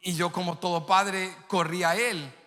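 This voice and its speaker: A man's voice: sits high, fairly even intonation, unhurried, sharp tone, faint music behind. A male pastor preaching a sermon, passionate and telling vivid stories. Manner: impassioned preaching with vivid storytelling. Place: church sanctuary. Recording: echoey church hall.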